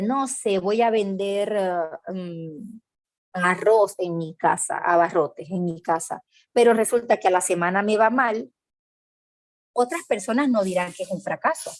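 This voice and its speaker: A woman's voice: no echo, clean studio sound. A woman teaching an online class on emotional wounds, checking in with her listeners and acting out scolding parents in a raised voice. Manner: acts out scolding parents in a higher voice; reads out viewer comments, checks in with "¿ok?".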